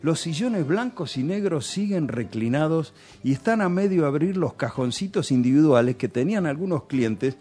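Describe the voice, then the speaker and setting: A man's voice: on the high side, expressive, normal speed, few pauses, mellow, slightly rough, faint music behind. A man with a Rioplatense Spanish accent telling nostalgic, chatty stories on a radio show. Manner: nostalgic, chatty storytelling with local slang.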